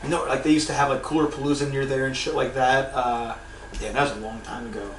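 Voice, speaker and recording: A young man co-hosting a podcast, telling a rambling story with lots of swearing and loud acted-out quotes. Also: medium pitch, level tone, fast, echoey room, recorded from a distance, a little hiss or hum, rough recording. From North Carolina. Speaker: podcast co-host. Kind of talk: casual storytelling.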